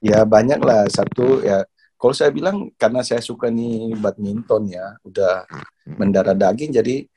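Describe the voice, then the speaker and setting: A middle-aged man from Indonesia, a badminton coach, telling stories in a relaxed interview, laughing often and repeating words as he searches for them. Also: lowish voice, moderate pace, husky. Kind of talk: casual interview storytelling.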